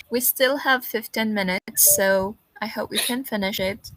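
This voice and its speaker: Woman teacher, unhurried, patient, encouraging, dry close sound, video call. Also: medium pitch, a bit bright, dry recording. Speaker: English teacher. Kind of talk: online class feedback.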